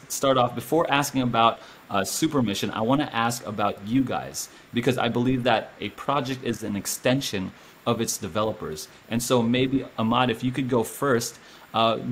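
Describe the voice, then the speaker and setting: A man's voice: medium pitch, slight background noise. A young man hosting a casual interview from a small room at home, talking animatedly into the camera. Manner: animated, gestures a lot, speaks to camera. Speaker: host.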